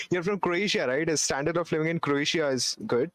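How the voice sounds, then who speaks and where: A young Indian man studying philosophy debates casually over video chat, challenging others and repeating his questions, sometimes mocking with laughs. His voice is a little high and fairly bright, at a normal speed.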